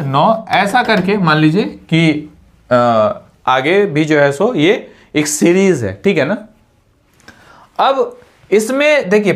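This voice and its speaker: A man giving an exam-prep math lesson, explaining step by step and mixing English terms into his talk. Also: high voice. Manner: explains step by step, asks and answers his own questions. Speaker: teacher.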